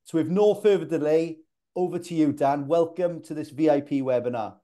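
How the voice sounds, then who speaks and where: A man's voice: on the high side, brisk, mellow. A man hosting a webinar, giving an upbeat, formal introduction with a few fillers. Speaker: webinar host. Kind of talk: scripted introduction.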